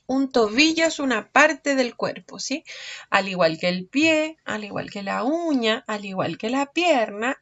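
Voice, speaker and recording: Slow, patient teacher woman with a cold. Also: fairly high pitch, a bit bright, muffled recording. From Chile. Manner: slow, patient, checks understanding with frequent questions. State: has a cold. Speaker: preschool teacher. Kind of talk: online lesson for young children.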